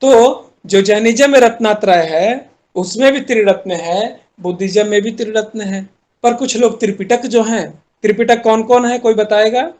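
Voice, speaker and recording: Indian male lecturer, high voice, explains step by step and quizzes the class. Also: normal speed, darkish tone. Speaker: university lecturer.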